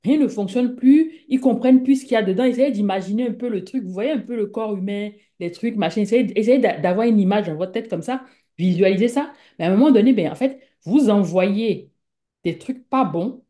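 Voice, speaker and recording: A woman's voice: medium pitch, brisk, dark tone. A woman from Africa, a guest speaker, talking conversationally in a rambling way full of fillers and repeated words, and acting out her own thoughts as little quoted speeches. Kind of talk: conversational talk.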